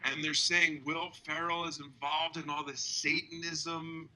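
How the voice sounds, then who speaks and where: Bright, mock-earnest male talk show guest. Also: a little high, a little slow, a little hiss or hum, rough recording. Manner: mock-earnest, deadpan accusing. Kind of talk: comedic talk show banter.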